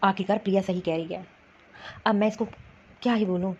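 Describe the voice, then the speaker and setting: In a muffled, lo-fi amateur family cartoon with music underneath, a woman plays a husband torn between mother and wife, dutiful and troubled, delivering lines in a hesitant, resigned way. Her mid-range voice is brisk, breathy-edged and fairly even, close to how she'd normally talk.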